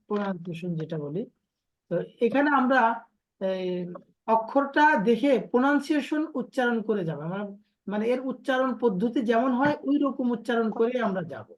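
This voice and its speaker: A woman's voice: a little high, lively intonation, moderate pace, highs cut off. A woman teacher leading an online lesson on letters and pronunciation, explaining patiently and drilling her students by repetition. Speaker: Quran recitation teacher.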